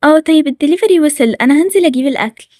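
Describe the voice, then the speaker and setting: A woman with an Egyptian accent voicing a brisk, friendly girl who hosts her friend, in a cartoon story. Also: high voice, animated, darkish tone, dry recording, studio quality. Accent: Egyptian Arabic. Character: cheerful girl friend Tara, host of the visit.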